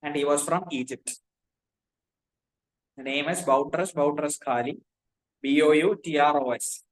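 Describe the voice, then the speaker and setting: Indian man spelling out names slowly. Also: on the high side, poor audio. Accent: Indian English. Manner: spells words out letter by letter, repeats himself. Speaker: teacher. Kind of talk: classroom lecture dictating notes.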